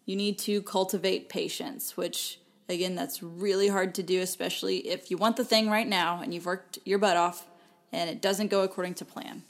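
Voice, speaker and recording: A woman's voice: mid-range voice, creaky. A woman co-hosting a podcast, giving earnest, encouraging advice in a casual chat. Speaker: podcast co-host. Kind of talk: casual faith-based self-help chat.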